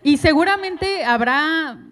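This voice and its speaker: Woman from mexico, panel talk, earnest and direct, higher voice. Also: expressive, slow pace, a crowd in the background. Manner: earnest, personal, addresses the audience directly.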